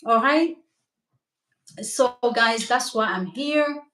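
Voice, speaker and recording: A middle-aged Cameroonian woman, a native French speaker with a Cameroonian French accent, teaches hair care on a live stream as a hair coach and cosmetologist. Her fairly high voice is animated, slow, pushed and bright, and she keeps checking in with her listeners with eager enthusiasm. The room is echoey.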